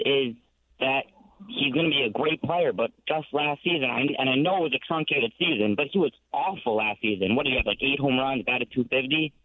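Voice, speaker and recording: A man's voice: medium pitch, dry recording. A man calling in to a radio sports talk show, eager and rambling as he makes his point over the phone line.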